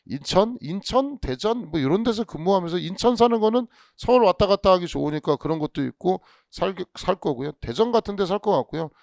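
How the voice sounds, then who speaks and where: A man lecturing on exam strategy in a chatty way, with a somewhat high, gravelly voice. He asks rhetorical questions and often restarts his sentences. The sound is dry and close, with no room echo. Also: animated, fairly quick, hardly any pauses, a little mellow. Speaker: police exam law instructor. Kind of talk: casual lecture analysis.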